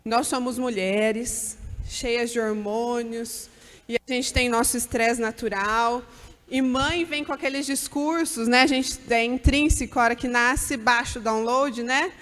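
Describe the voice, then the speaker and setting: A woman's voice: fairly high pitch, steady tone, unhurried, a bit bright, long reverb tail. A woman giving an earnest, direct church talk to mothers. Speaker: church speaker at a mothers' gathering.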